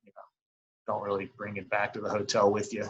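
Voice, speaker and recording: A young man in a casual interview as an umpire, talking in a rambling, halting way full of filler phrases. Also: on the low side, completely flat delivery, lo-fi sound, slight background noise. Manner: rambling, halting, frequent "you know". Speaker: baseball umpire as interview guest. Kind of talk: casual chat.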